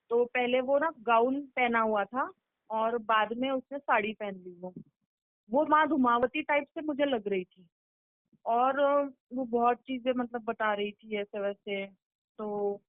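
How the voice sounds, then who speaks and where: A woman's voice: on the high side, no echo. A woman on a phone call to her spiritual teacher, recounting a meditation vision in a rambling way, with many fillers and restarts. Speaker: caller seeking spiritual guidance. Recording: tinny, dry phone line.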